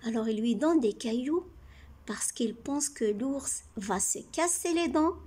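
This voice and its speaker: A woman teaching young children speaks slowly in a high voice. She reads a story aloud and keeps stopping to explain words, repeating and rephrasing them. She asks the class questions and then answers them herself. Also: darkish tone.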